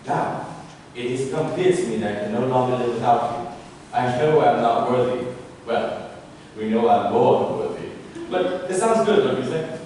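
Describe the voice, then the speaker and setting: A man's voice: mid-range voice, expressive, normal speed, a little mellow, lightly acted. A man playing a pompous, vain, wealthy suitor rehearsing a marriage proposal in a theatrical comic style, grandly declaiming and easily exasperated. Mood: pompous, flustered. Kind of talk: theatrical stage comedy acting. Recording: echoey hall from far off, noisy.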